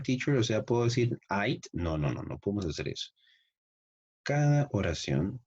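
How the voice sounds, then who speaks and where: A male English teacher whose first language is Spanish, drilling pronunciation and repeating words slowly. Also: deep voice, mellow, husky, lo-fi sound. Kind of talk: pronunciation lesson.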